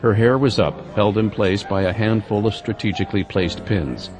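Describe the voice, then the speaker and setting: Male narrator, low register, scripted fiction narration over clear background music. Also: moderate pace.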